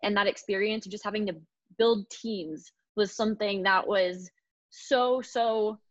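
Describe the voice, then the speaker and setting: A woman's voice: medium pitch, fairly even intonation, unhurried, highs cut off. Young woman hosting an interview podcast. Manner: scripted intro, then friendly conversational questions. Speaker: podcast host.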